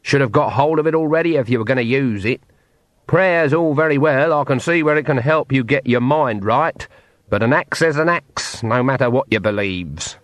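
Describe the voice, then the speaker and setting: A man's voice: mid-range voice, moderate pace, no room sound, close to an everyday voice. A man voicing a blunt, commanding old woman who speaks in a dry, matter-of-fact way. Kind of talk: audiobook character voice.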